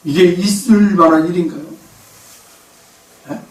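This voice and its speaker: High-voiced man preaching in an echoey church. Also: unhurried. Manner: emphatic preaching with rhetorical questions and rising shouts. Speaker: pastor. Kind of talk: sermon. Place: church sanctuary. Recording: echoey church hall from far off.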